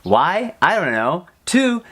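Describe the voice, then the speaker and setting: An exasperated vlogger talks casually to camera. The mid-pitched voice swings widely and animatedly, often turning points into rhetorical questions. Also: big pitch swings, slow, fairly bright tone, husky.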